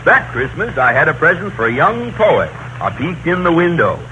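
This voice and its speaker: An actor playing a grumpy, folksy old Santa Claus in 1930s radio comedy, with rustic, ungrammatical speech. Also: male voice, on the high side, very animated, normal speed, pushed and bright, highs cut off. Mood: complaining. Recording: noisy 1930s radio broadcast recording.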